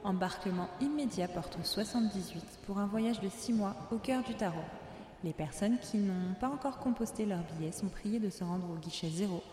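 A woman voicing a formal female airport announcer, speaking in a measured, official way. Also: medium pitch, mellow, heavy reverb, big-room sound, a little hiss or hum, close to an everyday voice. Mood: announcing.

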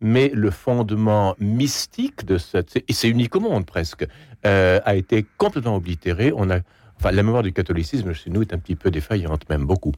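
A man with a Québécois French accent and a low voice, talking as a radio guest. He explains slowly and thoughtfully, pausing on fillers as he searches for words, recorded close and dry. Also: animated, a little mellow, no echo. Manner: thoughtful, explanatory, many hesitations. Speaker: guest journalist and essayist. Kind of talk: radio interview.

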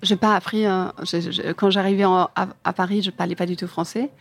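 With a gravelly voice on the low side, fairly even intonation and a slightly fast delivery, a woman from Germany talks casually in an interview about her furniture design career. A native German speaker with a German accent, she answers in imperfect French, frequently reaching for words.

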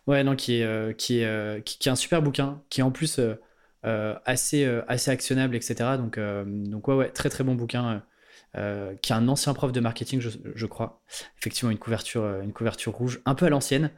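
Male podcast host, middle-pitched, loose and chatty, keeps restarting his sentences. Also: fairly quick. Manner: casual, rambling, many fillers and restarts. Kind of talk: podcast interview.

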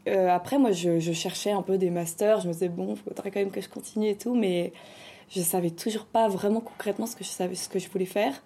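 A woman in her twenties from Switzerland speaks as a podcast guest. Her voice is mellow and warm at a middle pitch. She talks in a hesitant, thoughtful way, filling pauses as she goes. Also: fairly even intonation, a little hiss or hum. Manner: hesitant, thoughtful, many fillers. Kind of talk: casual podcast conversation.

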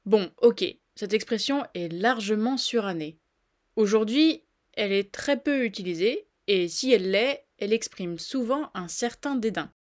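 A woman's voice: mid-range voice, lively intonation, unhurried. A woman hosting a scripted podcast, explaining a phrase in a playful, chatty way and talking straight to the listeners. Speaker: podcast host.

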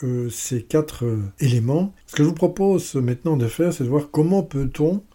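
Guy walking through a business lesson, mellow warm voice, jokes at himself now and then. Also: a little high, normal speed. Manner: playful asides with self-mocking humor; steady step-by-step explaining. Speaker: business presenter.

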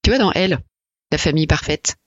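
Femme pensive, voix sèche, hésitante. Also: female voice, low voice, lively intonation, brisk, no echo, lo-fi sound. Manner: reflective, hesitant with frequent fillers. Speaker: podcast guest. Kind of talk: personal interview conversation.

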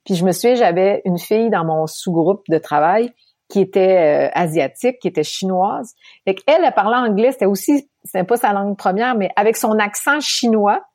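A middle-aged woman from Quebec with a Québécois accent, telling her story as an interview guest, animated and laughing often. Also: mid-range voice, normal speed, no room sound, clean studio sound. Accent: Québécois French. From Quebec, Canada. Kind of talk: candid storytelling in conversation.

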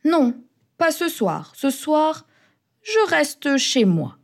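A woman voicing a gentle friendly uncle. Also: high voice, big pitch swings, drawn-out words, pitched above the performer's own voice, heavily acted. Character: friendly uncle, a grown man.

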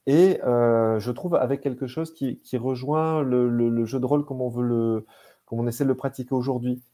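A man in relaxed conversation, describing games with plain enthusiasm. His voice is mellow and warm, pitched in an ordinary middle range. He stumbles, repeats words and restarts sentences as he goes. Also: moderate pace. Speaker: game designer and translator. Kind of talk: casual chat.

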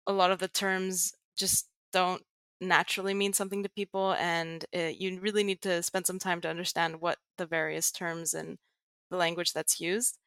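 Here the Greek tech writer and educator, a young woman with an American accent, is a guest on a podcast, patiently explaining with plenty of fillers. Her voice sits fairly low with a level tone, normal speed, and a slightly bright sound. It's studio quality with no room sound.

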